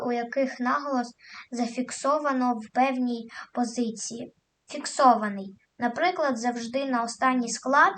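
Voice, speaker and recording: High-voiced woman explaining word stress. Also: a bit bright, slight background noise. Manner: clear, emphatic stressing of example words. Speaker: teacher. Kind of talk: scripted educational narration.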